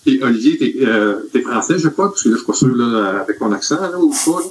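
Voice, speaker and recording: A man's voice: medium pitch, expressive, fairly quick, a little hiss or hum, rough recording. A man with a Quebec French accent, earnestly giving rambling life advice in a casual group chat. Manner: earnest, rambling with many fillers.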